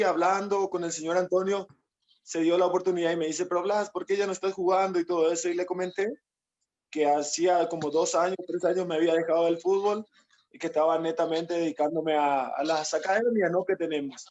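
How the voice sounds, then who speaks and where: A man's voice: high voice, darkish tone, highs cut off. A footballer from Paraguay, recounting his story in an interview and speaking in long, rambling stretches with many tag questions. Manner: rambling, quotes others, frequent "¿no?" tags. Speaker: footballer guest.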